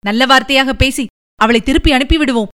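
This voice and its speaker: A woman reading the part of a soft-spoken young princess in an audiobook, gentle and worried. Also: sits high, brisk, clean tone.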